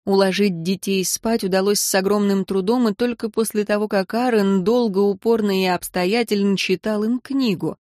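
A woman narrating an audiobook in a measured, even storytelling manner. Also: mid-range voice, dry recording, studio quality.

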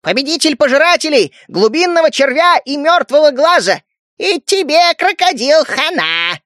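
A man voicing an excitable toad-like male mutant sidekick who proclaims gleefully. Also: very high voice, moderate pace, no echo, studio quality, voice pushed up, exaggerated voice.

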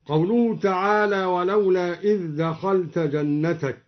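Male scripture reciter, unhurried and melodic, explaining variant readings; muffled lo-fi archival broadcast sound. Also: sits high, fairly even intonation. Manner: slow, measured, melodic chanting. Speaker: Quran reciter. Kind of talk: Quran recitation with spoken notes on variant readings. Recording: dull lo-fi old radio recording.

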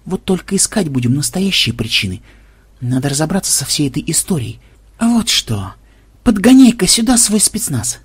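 A man's voice: on the high side, big pitch swings, moderate pace, slightly rough, heavily acted. A man voicing a musing programmer hero. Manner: musing, commanding. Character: pensive programmer hero, young man, wry.

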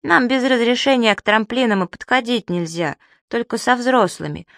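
A woman's voice: a little high, normal speed, creaky, a bit bright, no echo, clean studio sound, pitched above the performer's own voice. A woman voicing an earnest little boy who gives worried warnings in an audiobook.

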